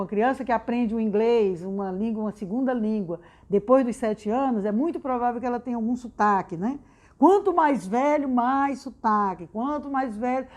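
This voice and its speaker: A woman's voice: medium pitch, darkish tone. A Brazilian woman explaining research in an informal educational talk, who ends almost every phrase with a tag question and often restarts and repeats words. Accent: Brazilian Portuguese.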